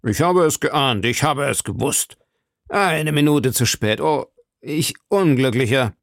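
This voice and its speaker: A man's voice: medium pitch, lively intonation, a little slow, creaky, fairly bright tone, no echo, studio quality, pitched above the performer's own voice. A man reading aloud voices an anguished English lord lamenting in agitation. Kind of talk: audiobook reading.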